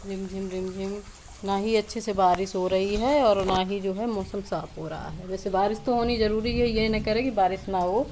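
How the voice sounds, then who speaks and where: A woman's voice: mid-range voice, fairly even intonation, normal speed, a little mellow, a little hiss or hum, poor audio. Chatty woman vlogging from home. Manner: chatty, rambling, many fillers. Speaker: village vlogger. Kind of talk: casual vlog narration. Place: rural home, rain outside.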